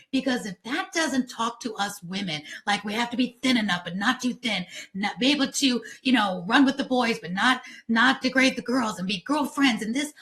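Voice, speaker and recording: A woman's voice: fairly high pitch, a bit bright. A woman hosting an interview, responding to her guest in an affirming, rambling way. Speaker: talk show host. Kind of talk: interview chat.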